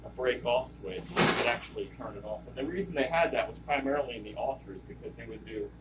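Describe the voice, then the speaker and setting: A man's voice: mid-range voice, fast talker. A man in a hands-on training session, explaining equipment in a casual, rambling way that wanders off on tangents. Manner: informal, rambling, digressing. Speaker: equipment trainer, service technician. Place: room with running lab machinery. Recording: distant mic, loud machine noise. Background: loud compressor and vacuum pump noise.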